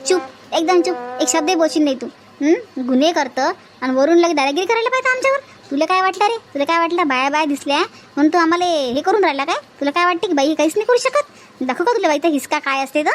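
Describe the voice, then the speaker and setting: A woman's voice: very high voice, lively intonation, fast, a little hiss or hum. A woman voicing a fierce middle-aged village auntie who scolds hotly, speaking with a Varhadi Marathi accent. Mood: furious lecture. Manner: scolding, fiery, righteous.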